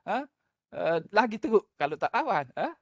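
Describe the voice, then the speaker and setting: A speaker with a Malaysian Malay accent delivers a history lecture in an animated, rhetorical style, regularly checking in with the audience through quick questions. The voice sits at an average pitch and is recorded close, with a dry sound and little room echo. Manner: animated, rhetorical, often prompting listeners with "eh?" and "ha?".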